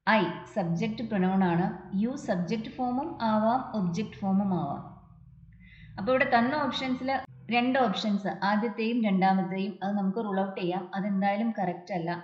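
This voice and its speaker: A woman teaching an English exam prep lesson, explaining grammar step by step and reading example sentences slowly. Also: mid-range voice. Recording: dull echoey room recording.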